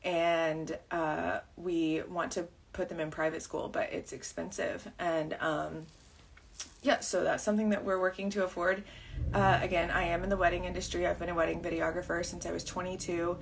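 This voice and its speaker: A woman in her thirties with a rough morning voice, talking through a rambling, chatty livestream full of fillers and tangents. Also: fairly low pitch, level tone, moderate pace. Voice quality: husky. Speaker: vlogger and wedding videographer. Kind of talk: casual livestream talk.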